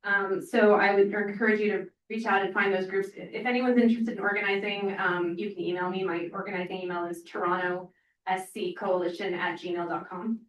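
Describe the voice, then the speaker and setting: A woman's voice: mid-range voice, level tone, fairly quick, a little hiss or hum. A woman speaking on a panel as a parent organizer, earnest and rambling with many fillers, audibly emotional. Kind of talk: panel discussion. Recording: echoey room, from far off.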